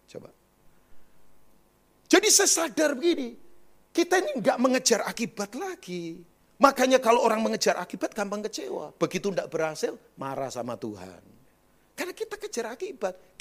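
A man preaching a sermon, moving between loud high calls to the congregation and low quiet asides. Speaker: pastor.

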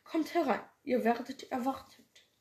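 A woman's voice: sits high, unhurried, darkish tone. Polite butler, as a woman reads him. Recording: roomy echo.

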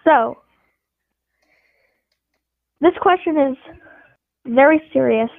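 High-voiced woman on a tinny line. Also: slow, vocal fry, no room sound. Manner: rambling, many restarts, giggly. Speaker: game host posing scenarios. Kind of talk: casual chat. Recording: tinny phone-like dry sound.

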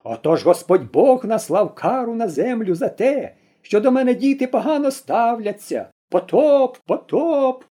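Man voicing a high shrill old village granny, pious, lamenting, slow drawn-out wails, husky tone. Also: sing-song, mellow, heavily acted. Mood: preaching.

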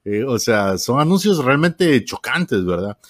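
Recorded dry in a studio with no room sound, a Honduran man of medium pitch speaks with big swings in his pitch. He wanders and stumbles through a relaxed panel conversation, often saying "eh" and starting over, in Honduran Spanish.

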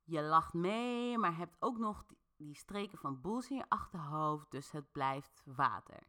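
A woman hosting a podcast, narrating an interactive story in a relaxed, chatty way while talking straight to her listeners. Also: low voice, measured pace.

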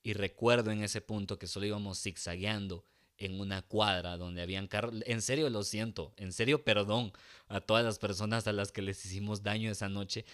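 A man telling a crude, self-mocking comic story, swearing freely and acting out shouts. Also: lowish voice, steady tone, moderate pace, clear, resonant tone. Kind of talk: comic personal anecdote.

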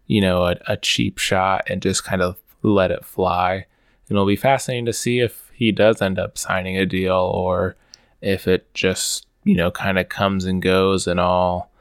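A man with a deep, flat voice talks casually on a podcast. His delivery is measured and even, recorded dry and close. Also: clean tone, dry recording. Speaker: podcast co-host.

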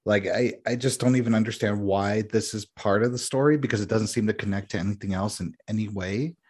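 Podcast co-host, man, low voice, blunt candid opinions, casual. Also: a little fast, darkish tone, slightly rough. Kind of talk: casual chat.

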